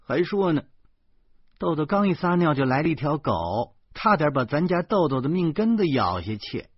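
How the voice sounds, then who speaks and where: A man's voice: fairly high pitch, sing-song, moderate pace, breathy edge, no room sound, muffled recording, voice pushed up. A man voicing a worried wife who fusses and exclaims. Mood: fussing. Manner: exclaiming, fussing. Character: worried wife, loud and fussing.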